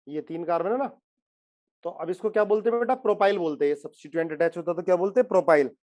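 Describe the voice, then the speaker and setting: A chemistry teacher lectures at a very fast clip, his slightly high voice a little mellow. He keeps pushing the class for answers, repeating each question until someone responds.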